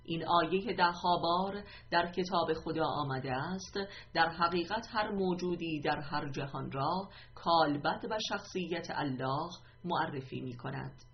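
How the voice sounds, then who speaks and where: A woman with a somewhat low voice reads a religious text aloud, steady and deliberate, pausing to count off numbered points. The recording sounds dull and muffled. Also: a little hiss or hum. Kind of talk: scripted reading.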